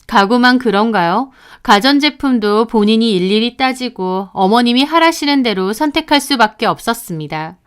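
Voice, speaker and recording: A woman's voice: a little high, fairly bright tone, clean tone. A young woman narrating a personal story in a confiding, conversational way.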